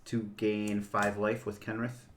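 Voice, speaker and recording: A man with a fairly low voice talks through a card game one play at a time, counting and naming each move. He sounds unhurried and deliberate. The recording carries a noticeable room echo and a clear layer of background noise. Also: completely flat delivery. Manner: methodical, announces each play aloud. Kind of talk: casual game-night chat.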